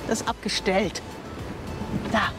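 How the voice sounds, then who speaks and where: An older woman vlogger gives a chatty, enthusiastic on-camera tour of a campsite outdoors, thinking aloud and correcting herself along the way. Her medium-pitched voice has fairly even intonation and a measured pace, with music in the background.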